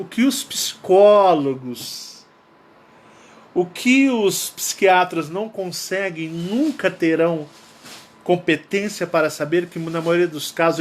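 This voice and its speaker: A Brazilian man with a somewhat high voice tells a personal story in a casual, emphatic way. He repeats key phrases for weight and acts out the dialogue he quotes. A faint hiss sits under the recording. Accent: Brazilian Portuguese. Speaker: channel host.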